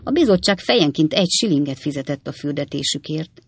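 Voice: mid-range voice, lively intonation, slightly rough, no echo. A reader voicing Sam Weller, a witty, worldly young manservant who tells tall tales offhandedly, in a dry audiobook reading. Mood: wry, lively. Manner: wry, storytelling, offhand.

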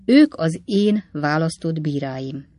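A woman voicing a blunt elderly male coachman who talks sharply and loudly. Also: deep voice, lively intonation, dry recording.

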